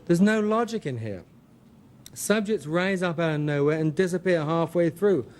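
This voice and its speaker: A man's voice: a little high, animated, normal speed, a little hiss or hum. Man wryly narrating his memoir. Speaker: author reading his memoir.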